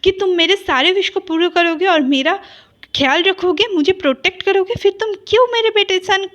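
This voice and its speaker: Woman doing a screechy scheming woman, furious, very high, accusing. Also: moderate pace, a bit bright, muffled recording. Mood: shrieking angry. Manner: shrieking, accusing. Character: shrill furious scheming middle-aged woman.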